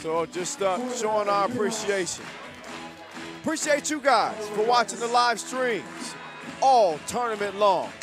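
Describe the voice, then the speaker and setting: A man hosting live sports coverage, with informal hype and drawn-out phrases. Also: sits high, expressive. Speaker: event commentator and host. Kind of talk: live sports commentary and sign-off. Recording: music and crowd behind live mic. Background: music and crowd.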